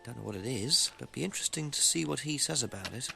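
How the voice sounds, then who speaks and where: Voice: mid-range voice, lively intonation, quick pace, gravelly, heavily acted. An actor playing a polite, inquisitive detective questioning villagers in a video game. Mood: musing. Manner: polite, probing. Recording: loud music behind the voice.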